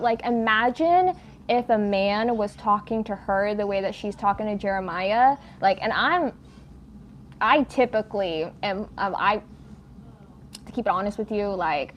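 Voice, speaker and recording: Crocheting during a relaxed at-home livestream, a US woman host talks in a meandering, easily distracted way, sprinkling in plenty of "like." She has a mid-range voice, and there is a slight hiss or hum.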